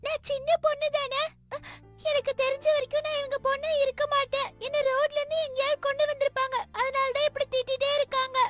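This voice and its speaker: Give me a woman doing a sulky cartoon schoolgirl who whines and complains, high and bright, with music behind her. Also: level tone, quick pace. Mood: complaining. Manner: whiny and complaining. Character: stubborn young schoolgirl, sulky and defiant.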